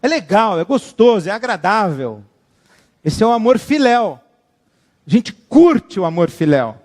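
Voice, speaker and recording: A man preaching in an animated, dramatic way, his voice pitched high and bright for a man. A long hall reverb trails behind each phrase. He acts out the words of the people he quotes. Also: normal speed. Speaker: pastor. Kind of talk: sermon.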